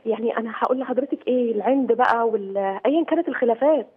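A woman's voice: on the high side, very fast, slightly rough. A woman caller with an Egyptian Arabic accent, distressed and pleading as she talks on a phone line.

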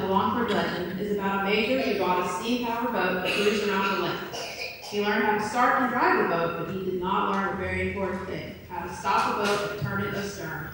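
A concert announcer introducing pieces for a community band, reading the program notes with dry humor. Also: mid-range voice. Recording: echoey hall from far off, noisy.

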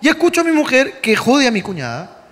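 A man's voice: extremely high pitch, huge pitch swings, a little fast, a bit bright, big-room sound. A man with a Peruvian accent, hosting a comedy podcast and telling a crude story packed with slang and sound-effect words. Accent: Peruvian Spanish. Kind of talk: comic storytelling.

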